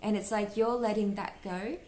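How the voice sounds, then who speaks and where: This tarot reader has a mellow, mid-range voice, keeps a steady tone and moderate pace, yet stays chatty and giggly, with lots of "like" fillers as she reads casually to camera. Birds sound nearby in her home room, and the recording is echoey with faint ambience and slight background noise.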